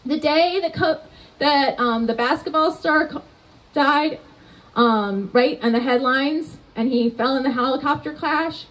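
A woman pastor with a high voice preaches a conversational sermon outdoors at a church entrance, speaking into a mic on a stand. She often puts rhetorical questions to the congregation and gestures animatedly with her hands. The audio is poor.

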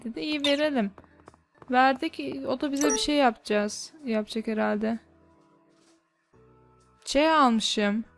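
A woman with a high voice talking through a game at an unhurried pace. She keeps up a casual commentary and grumbles in exasperation as she plays. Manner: grumbling, exasperated running reactions. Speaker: gaming YouTuber.

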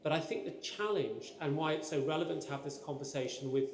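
A man speaking as a panelist over a video call from a home office, explaining in a measured way. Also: on the high side, a little hiss or hum. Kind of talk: panel discussion answer. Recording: roomy echo with long reverb.

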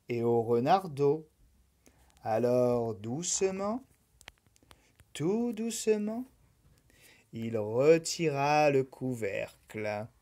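A woman reading a children's bedtime story aloud, gentle and expressive. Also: very deep voice.

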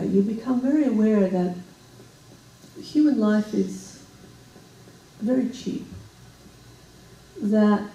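Older woman, slow and gravelly. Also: medium pitch, warm tone, recorded from a distance. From Ethiopia. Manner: measured, reflective, with hesitations. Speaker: guest. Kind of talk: interview conversation. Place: small hall on a stage. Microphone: handheld mic. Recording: roomy hall sound from afar.

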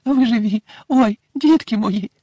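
A man voicing a frantic, tearful middle-aged witch mother in a high, shrill, sobbing voice, from an audiobook. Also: a little slow, mellow, no room sound.

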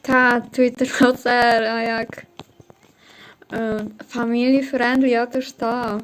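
Woman game streamer, high-ish voice, slow, casual chatter with viewers. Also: flat delivery, a little hiss or hum. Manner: chatty, talks to chat and teammates. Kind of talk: casual livestream chat while gaming.

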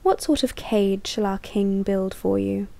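A woman reading an audiobook, voicing a menacing raven creature that taunts and demands in a sharp, raised voice. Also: mid-range voice, a little slow, gravelly. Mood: taunting. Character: shrill menacing raven creature, hunting and gloating. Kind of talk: audiobook character voice.

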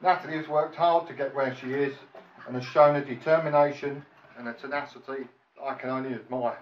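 A middle-aged man gives a prepared wedding speech as father of the bride, halting and self-deprecating. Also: medium pitch, steady tone. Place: large function room at a wedding reception. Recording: echoey room, distant mic, muffled, loud noise.

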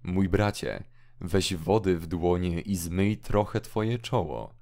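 A man reading an audiobook drama, voicing a calm older village priest who speaks softly and consolingly. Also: low voice, slow pace. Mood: soothing. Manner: soft, hushed and consoling.

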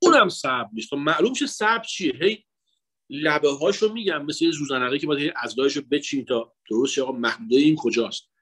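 A man with a somewhat raised pitch and a husky, breathy voice delivers a mourning-night lecture. His delivery is emotional and rhetorical, climbing into emphatic peaks and then dropping to near-whispered asides. His intonation moves all over the place. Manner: swings between raised emphatic phrases and hushed asides; lively, emotional, rhetorical address to the audience. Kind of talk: religious lecture blending psychology and sermon.

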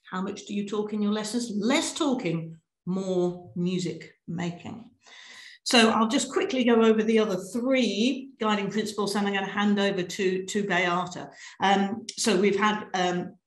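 A British woman leading a piano teachers' webinar, lively and encouraging, singing and chanting rhythms as she demonstrates. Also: medium pitch, reverberant.

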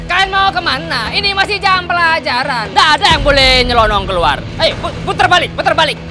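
A man's voice: very high-pitched, lively intonation, brisk. An actor playing a stubborn but gullible male school security guard. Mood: stern. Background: background music.

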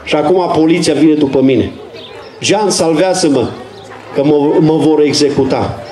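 A man doing a panicked young guy, frantic and pleading, high voice, echoey street sound. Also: mellow, natural voice. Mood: desperate. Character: panicked young man, a twin, begging for rescue.

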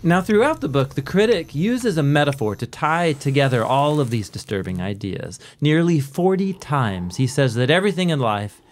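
A man narrating a scripted explainer in a clear, measured storytelling voice. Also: on the high side, big pitch swings, a little hiss or hum.

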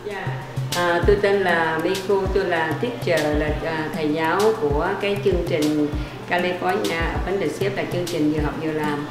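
A woman teacher describing the program in a slow, measured way. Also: fairly low pitch, steady tone. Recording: echoey room with music.

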